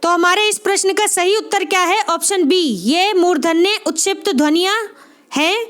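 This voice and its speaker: A teacher with a strikingly high, slightly bright voice gives an exam-prep lecture at a moderate pace. She works step by step, repeats key points and keeps checking whether listeners are following.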